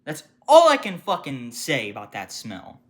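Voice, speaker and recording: Bright-voiced, foul-mouthed storytime ranter. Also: medium pitch, unhurried. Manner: profane, animated, swings from loud outbursts to muttered asides. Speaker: retail worker telling work stories. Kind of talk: casual storytime rant.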